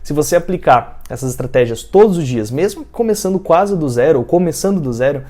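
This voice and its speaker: A man's voice: on the high side, animated, fairly quick, darkish tone. A man with a Brazilian Portuguese accent, a native Portuguese speaker teaching English, who explains learning tips informally and keeps checking in with "tá?" and "né?". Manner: informal, repeats points with "tá?" and "né?".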